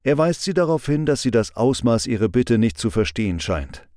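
A man giving a calm devotional sermon with a measured, instructive delivery. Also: mid-range voice, dry recording, clean studio sound. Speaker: preacher.

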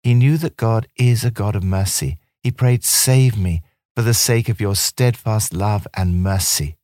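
A man giving a devotional talk, reading Bible passages and reflecting on them in a calm, measured way. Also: lowish voice. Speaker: devotional presenter.

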